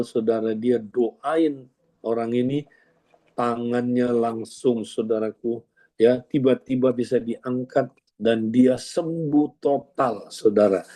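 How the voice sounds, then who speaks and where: A male pastor, telling a story in his sermon in an animated way, acting out the dialogue and often calling out to the congregation. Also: medium pitch. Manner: animated storytelling, acts out dialogue, constantly addresses listeners.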